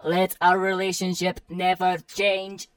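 A performer voicing a deadpan robot sidekick with a flat robotic computer voice, speaking from some distance off the mic. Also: medium pitch, slow, dry recording. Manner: deadpan, announces its own programs. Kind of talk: comedy sketch dialogue.

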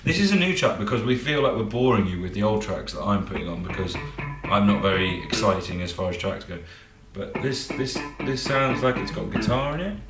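A man's voice: fairly low pitch, lively intonation, fairly quick, hardly any pauses. A man co-hosting a casual radio chat, joking and laughing often, breaking off and restarting sentences. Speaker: radio co-host. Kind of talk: casual banter. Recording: echoey room with loud music behind. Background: loud music.

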